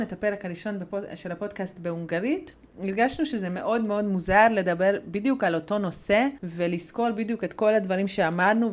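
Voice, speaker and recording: Female co-host, middle-aged, Hungarian native, medium pitch, spontaneous and conversational, often correcting herself. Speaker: podcast co-host. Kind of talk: casual chat.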